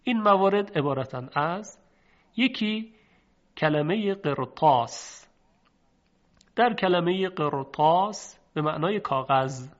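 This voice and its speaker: Patient male teacher, slow drawn-out examples. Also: fairly high pitch. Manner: patient, explanatory, drawing out example words. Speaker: recitation teacher. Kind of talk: spoken lesson with slow recited examples. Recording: dull lo-fi recording.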